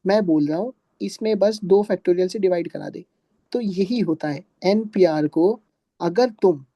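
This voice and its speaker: Male classroom teacher, talky and patient, mellow voice, dry room. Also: sits high, normal speed, no room sound. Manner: conversational, quizzes students and answers for them; patient, calls students "beta". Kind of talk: classroom math lecture.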